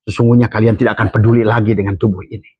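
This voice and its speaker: A man preaching a sufi sermon who climbs to high emphatic peaks and chants Quranic verses slowly. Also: little pitch movement, breathy edge, dry recording, lo-fi sound.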